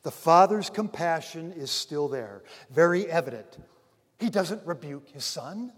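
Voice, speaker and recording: A man preaching a sermon as pastor, swinging between loud emphasis and hushed asides and calling his listeners dear friends. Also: on the high side, lively intonation, unhurried, husky, long reverb tail.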